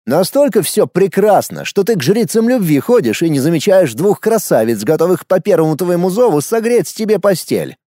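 A man's voice: high-pitched, very animated, normal speed, mellow, no echo, studio quality, voice pushed up. A man voicing a sly, smug young know-it-all. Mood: exasperated. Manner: sarcastic, insistent, teasing. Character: smug, nosy young man, self-styled ladies' expert.

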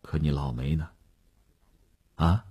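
A man playing a shrewd middle-aged businessman who talks in a slow, low, measured and persuasive way, with a husky voice. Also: steady tone, warm tone, full character voice.

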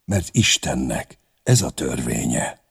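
A man voicing a stern, measured young king, grave and commanding, with a gravelly, husky voice. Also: very deep voice, very animated, fairly bright tone, pitched below the performer's own voice, full character voice. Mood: resolute.

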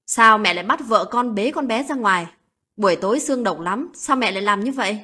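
A woman voicing a young husband, drunk and quick-tempered, who scolds his wife and argues with his mother in a spoken story. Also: fairly high pitch, expressive, husky, exaggerated voice. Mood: arguing. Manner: scolding, loud and blunt.

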